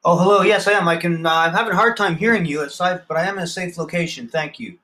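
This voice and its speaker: A man's voice: sits high, fast talker, pushed and bright. A man from Canada chatting casually and wryly as a caller. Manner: chatty, wry. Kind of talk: casual chat.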